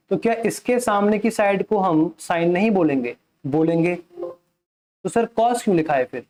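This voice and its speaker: Male math tutor, unhurried lecture delivery with a warm tone that drops English terms into his Hindi. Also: sits high. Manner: keeps asking the class questions and answers them himself. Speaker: math teacher.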